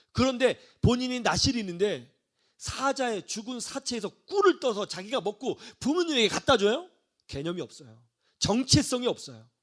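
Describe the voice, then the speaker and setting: A man's voice: high voice, fairly bright tone. A male preacher telling a Bible story as a sermon, acting out the characters' lines and speaking straight to his listeners. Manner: acts out biblical characters' lines in varied voices, addresses listeners directly. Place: broadcast studio.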